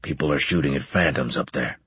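A stern centurion barking clipped orders in a deep, husky voice, put on by a male reader. He sounds curt and commanding. The recording is close and dry. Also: brisk, a bit bright, no echo, exaggerated voice.

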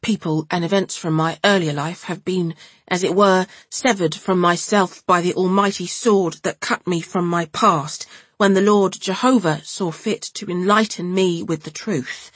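A woman's voice: fairly low pitch, slightly rough, dry recording. A woman voicing a stiff, pompous young male zealot who preaches in long, formal sentences.

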